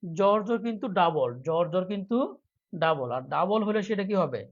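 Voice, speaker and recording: A man's voice: high voice, animated, brisk, dull audio. A male teacher leading a live online lesson for job exams, repeating each question again and again to quiz his viewers. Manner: reads viewer comments aloud, softer.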